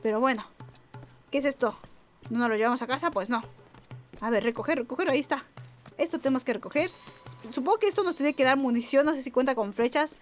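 A young woman giving chatty, excitable let's-play commentary and talking back to game characters. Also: high voice, fast, pauses often. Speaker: gaming YouTuber. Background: game music.

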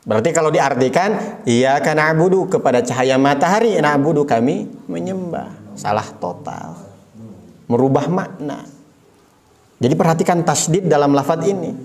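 A man with an Indonesian accent teaching beginners to recite, patiently demonstrating each word slowly and repeating his corrections. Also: fairly high pitch, a little mellow. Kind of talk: slow step-by-step recitation lesson.

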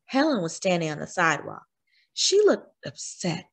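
A teacher reading a picture book aloud to children. She reads expressively, her pitch rising and falling freely through the story. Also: normal speed, husky. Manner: expressive, animated.

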